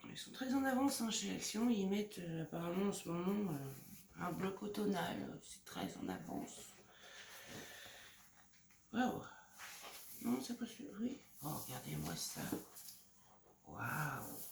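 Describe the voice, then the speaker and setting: A woman's voice: lowish voice, sing-song, takes it slowly, gravelly, pauses often. A woman showing off scrapbooking paper pads in a casual vlog, gushing and sometimes dropping to a whisper. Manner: gushing, lots of "franchement" and "regardez-moi ça". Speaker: scrapbooking vlogger. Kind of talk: casual show-and-tell. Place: home craft room. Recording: echoey room from a distance, noisy.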